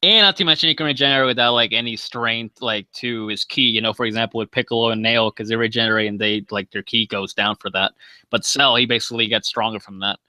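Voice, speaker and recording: A young man argues his side in a loose online debate, rambling through fillers and swearing as he goes. His voice is bright and forceful, and the recording is dry and close. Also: mid-range voice, steady tone, quick pace, dry recording. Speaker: debate guest. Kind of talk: casual live-stream debate.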